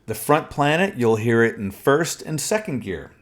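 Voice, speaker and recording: A man's voice: mid-range voice, very animated, normal speed. A middle-aged man explaining a technical topic step by step as an instructor, methodical, with frequent fillers. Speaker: transmission instructor. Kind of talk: technical walkthrough lesson.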